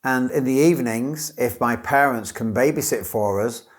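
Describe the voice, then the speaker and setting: A man, an English teacher, giving scripted model answers as an exam candidate in a clear, careful delivery. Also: mid-range voice, moderate pace.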